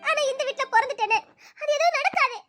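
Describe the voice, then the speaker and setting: A woman's voice: extremely high pitch, fast talker, music in the background. A woman voicing an anxious young college woman trapped by her strict family in an audio drama. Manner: anxious, torn, pleading. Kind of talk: Tamil audio drama acting.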